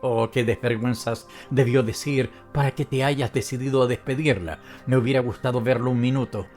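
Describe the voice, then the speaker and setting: A male narrator voicing a scornful, quick-tempered wife with a cutting, mocking manner in an audiobook. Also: medium pitch, steady tone, a little mellow, faint music behind, lightly acted. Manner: cutting, disdainful, mocking laughter. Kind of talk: audiobook character reading.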